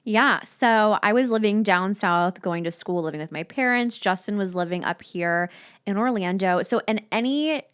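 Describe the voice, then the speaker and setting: A woman's voice: mid-range voice, normal speed, clear, resonant tone. A woman in her twenties from South Florida, a podcast guest, telling stories in a playful, laid-back way. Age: 20s. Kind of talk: casual podcast chat.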